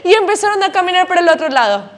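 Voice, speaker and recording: A Sunday school teacher tells the children a story at church, her extremely high voice racing along. She stays animated throughout and keeps quizzing the kids with questions.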